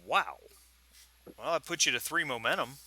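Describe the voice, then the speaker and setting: A man running a tabletop game as game master, relaxed and unhurried, with many fillers. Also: mid-range voice.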